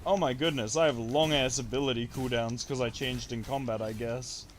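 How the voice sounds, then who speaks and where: An excitable man streams a game to his chat in casual, rambling commentary. His voice sits at an ordinary middle pitch but leaps into high yelps whenever a good drop or an annoyance hits. He swears without a second thought. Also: moderate pace.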